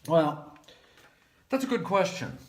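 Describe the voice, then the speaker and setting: A man from New England giving a slow, deliberate spiritual monologue to his viewers, moving between lively and hushed passages. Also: a little high. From New England, United States. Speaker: vlogger.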